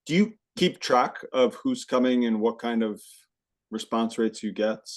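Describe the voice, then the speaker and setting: A man's voice: mid-range voice, a little slow. A man moderating an online academic panel, casually putting questions to the speakers. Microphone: video call.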